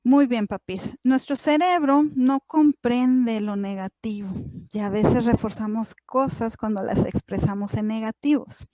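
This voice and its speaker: A woman's voice: a little high, a little slow, mellow, no room sound. A woman, a psychologist giving a workshop talk to parents, speaking directly to them with many rhetorical questions.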